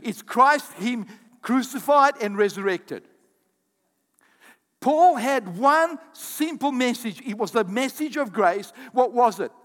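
His voice high and bouncing with energy, a pastor delivers a sermon, prompting the congregation to repeat after him and adding quick side remarks. The hall gives his words a long, ringing reverb.

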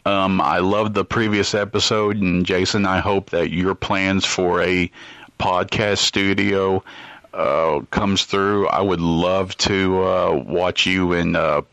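A man leaving a rambling voicemail message that is played back, pausing often with uh fillers. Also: deep voice, flat delivery, fairly bright tone, no room sound. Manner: hesitant, with frequent uh fillers. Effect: played-back voicemail recording. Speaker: listener sending a voicemail.

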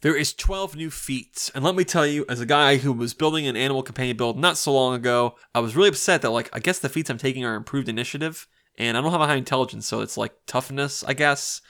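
A man co-hosting a podcast about a tabletop game, talking casually and joking, with bursts of excitement. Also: medium pitch, fast talker, few pauses. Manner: playful, jokey, bursts of excitement. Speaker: podcast co-host.

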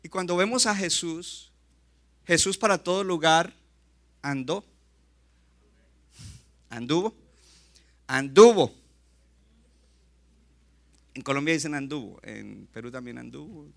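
A male pastor preaching a lively sermon, often acting out short asides and quotes. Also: a little high, gravelly. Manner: animated preaching, acts out quick asides.

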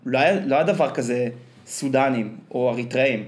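A man with an Israeli accent chatting casually and telling anecdotes in a rambling, colloquial way full of slang fillers. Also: mid-range voice.

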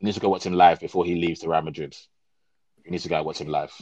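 A man talking football with friends on a casual podcast, excitable and jokey, acting out quotes loudly. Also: low-pitched, racing, no echo, lo-fi sound. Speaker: podcast co-host.

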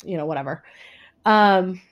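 A woman's voice: lowish voice, moderate pace, lo-fi sound. Congested woman with a stuffy nose, interviewed. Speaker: interview guest, author and coach. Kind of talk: conversational podcast interview.

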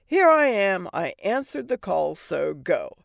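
A woman's voice: mid-range voice, sing-song, slow, gravelly, no echo, clean studio sound, full character voice. Woman doing a brash, sarcastic fairy godmother. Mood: bossy. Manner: loud, blunt and sarcastic.

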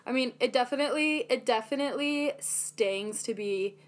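A woman's voice: a little high, moderate pace. A young woman co-hosting a podcast, telling a dating story in a chatty, self-mocking way with lots of fillers. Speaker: podcast co-host. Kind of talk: casual chat.

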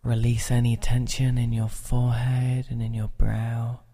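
A man leading a guided relaxation, speaking calmly and soothingly and at times dropping into soft whispers. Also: medium pitch, measured pace.

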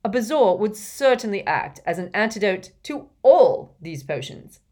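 A woman voicing a jovial, portly older male potions teacher with a hearty, booming manner. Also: big pitch swings, a little slow, darkish tone.

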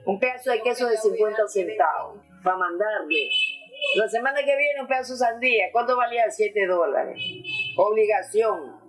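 A woman's voice: mid-range voice, lively intonation, moderate pace, soft background music, poor audio. An older woman giving a rambling, breathless testimony as a grieving mother, calling the listener mamita and mijo. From Ecuador. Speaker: mother of a prison victim. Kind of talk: emotional testimony.

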